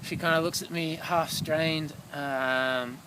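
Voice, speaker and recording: A man's voice: a little high, fairly even intonation, takes it slowly. A tired man, a solo runner, recording a rambling, thoughtful video diary outdoors by a road. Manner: rambling, thoughtful, lots of fillers. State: tired after a long run. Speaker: solo long-distance runner vlogging. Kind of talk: casual reflective video diary. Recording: loud traffic noise outdoors.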